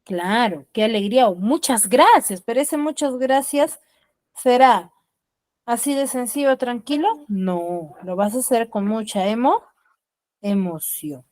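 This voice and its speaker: A woman teaching an online class explains things patiently, acts out example sentences with feeling, and often adds quick questions to check understanding. Her voice sits on the high side, with lively intonation and a darkish tone, and the recording is dry.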